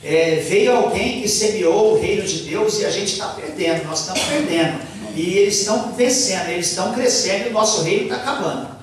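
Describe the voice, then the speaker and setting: A man interpreting a sermon phrase by phrase, with halting restarts and fillers, on a handheld mic in a church hall. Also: high voice. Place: large church hall, indoors. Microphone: handheld mic, filmed by far camera. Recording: echoey hall from far off.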